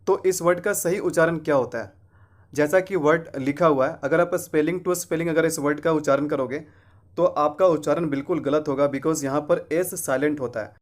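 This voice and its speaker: A man gives a pronunciation lesson in a voice that sits a little high. He keeps asking his own questions and answering them, repeating the correct word more than once. He slows right down for the English example sentences. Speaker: English teacher.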